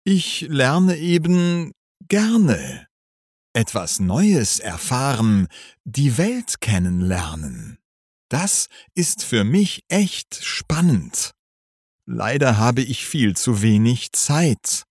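A man voicing an earnest, studious teenage schoolboy in a read-aloud story, speaking slowly and carefully. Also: medium pitch, big pitch swings, a little mellow, no echo, studio quality, voice pushed up, exaggerated voice. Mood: eager.

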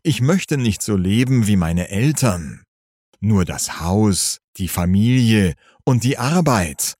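A man voicing a bored, restless teenage schoolboy in a read-aloud story, speaking slowly and carefully. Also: on the low side, animated, darkish tone, no echo, studio quality.

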